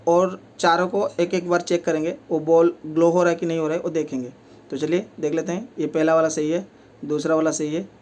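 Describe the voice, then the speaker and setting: A man's voice: fairly high pitch, darkish tone. A man with speech, a repair technician who explains each step of fixing a table fan in a plain way, with many fillers. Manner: speaks while working with his hands.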